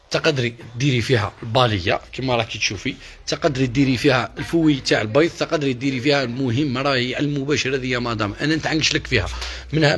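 A man with an Algerian accent, a shop seller doing a repetitive, pushy live sales pitch to his viewers. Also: fairly bright tone, a little hiss or hum. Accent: Algerian Arabic.

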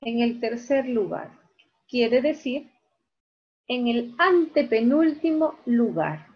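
Woman teacher, slow and repetitive, husky, muffled video-call sound. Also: a little high, animated. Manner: slow, repeats key words, syllable-by-syllable. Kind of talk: online class lesson. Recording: dull video-call audio.

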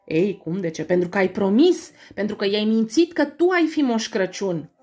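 A woman voicing a knowing, teasing crow that croaks and lectures, in a storybook reading. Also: mid-range voice, lively intonation, darkish tone, natural voice. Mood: scolding.

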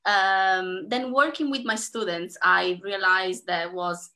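Speaking slowly at medium pitch with fairly even intonation, a thirties-aged Italian woman sounds pushed and bright as she presents herself as a dance educator on a panel. Recorded on a laptop webcam mic during a video call in her home, she chats with many fillers and laughs between phrases in her Italian accent.

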